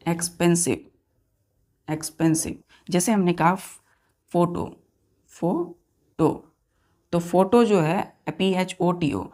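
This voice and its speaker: Male English teacher, gravelly tone, patient classroom explainer who keeps checking the class understands. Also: high voice, darkish tone. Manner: repeats words and quizzes the class often. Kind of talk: classroom lesson in spoken Hindi.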